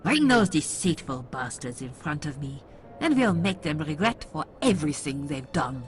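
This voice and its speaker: A woman's voice: low-pitched, very animated, normal speed, soft background music. An actress voicing a sinister, controlling otherworldly woman in a video game, solemn and menacing. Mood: commanding, vengeful.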